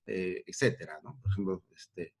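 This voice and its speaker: A man's voice: sits low, darkish tone, breathy edge. A man teaching a grammar lesson at a board, repeating points and checking in with short questions. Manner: slow, repetitive, checking in with "¿no?" and "¿ya?".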